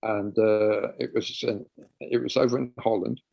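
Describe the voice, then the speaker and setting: A man spinning an anecdote with lively laughter and stumbling repeats. His voice is gravelly and a bit husky. The recording sounds slightly dull and lo-fi. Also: lowish voice, unhurried, no room sound. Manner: animated, laughing, repeats words while telling. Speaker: guest. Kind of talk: anecdotal storytelling.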